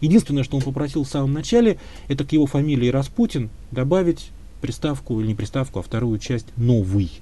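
A man answers an interviewer's questions about history at length, weighing his words and often pausing on filler sounds. His voice has a mellow, warm tone at a middling pitch. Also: lively intonation. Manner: thoughtful, hedging, many filler sounds. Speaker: historian guest.

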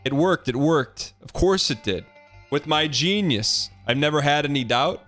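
Raving madman inventor for a video game, boastful, impatient, higher male pitch acted out by a man reading along. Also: animated, unhurried, fairly bright tone, faint music behind. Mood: gloating, manic.

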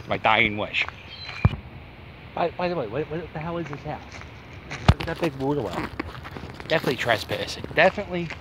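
Heavy background noise surrounds a mid-range male voice. He's a Philadelphian in his thirties, walking through a wooded park and vlogging into a phone at arm's length, his self-talk an anxious, humorous ramble.

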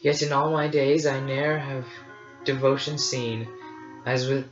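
A man's voice: mid-range voice, flat delivery, measured pace, close to an everyday voice. A man voicing an eager, earnest young farm boy in verse. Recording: roomy, slightly dull, faint music.

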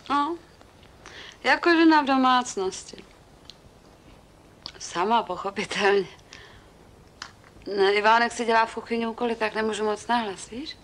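A woman's voice: a little high, a little hiss or hum. An actress in a 1970s film comedy playing a bored housewife confiding in a friend on the phone, keeping her voice down. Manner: chatty, confiding, hushed.

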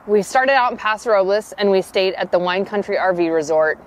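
A woman in her thirties co-hosts a family travel vlog, chatting casually and enthusiastically while sitting outside next to a travel trailer. Her voice is medium-pitched and fairly quick, recorded by a distant camera with slight background noise.

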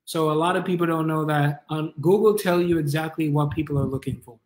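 Steady in tone and fairly quick, a man's slightly high, darkish voice carries a Jamaican accent. He's a business coach in his thirties hosting a casual live tutorial from his kitchen or living room, rambling in an informal, encouraging manner.

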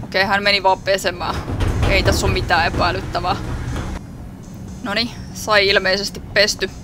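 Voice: mid-range voice, level tone, over music. A gaming YouTuber giving casual, jokey running commentary while playing a game. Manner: chatty, jokey running commentary with small laughs.

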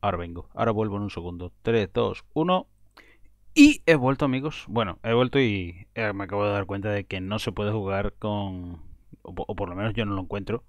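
A man giving casual, excitable commentary while playing a video game, breaking into frustrated outbursts. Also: on the low side, fairly quick, no echo, lo-fi sound. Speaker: gaming video host.

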